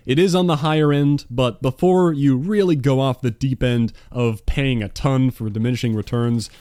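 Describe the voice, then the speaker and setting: Speaking from home into a dynamic studio mic on a stand, a twenty-something man runs through viewer questions for his gaming channel. He sounds mid-range and slightly dark, the recording dry, and he pokes fun at himself with deadpan sarcasm throughout the casual monologue.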